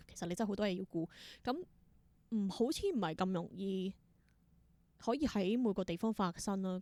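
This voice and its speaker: Guesting in a relaxed interview, a woman who performs and creates theatre muses aloud in a Hong Kong Cantonese accent, sprinkling in English words. Her voice is medium-pitched and a little mellow, with no room sound.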